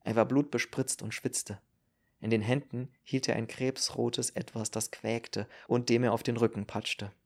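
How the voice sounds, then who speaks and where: A man giving measured, scripted narration of a novel as an audiobook reader. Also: mid-range voice, level tone, gravelly.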